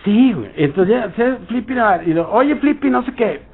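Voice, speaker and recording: A man's voice: high voice, lively intonation, moderate pace. A Mexican man telling a rambling anecdote on a radio show, acting out bits of dialogue. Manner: rambling storytelling with acted-out dialogue. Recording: tinny phone-like sound.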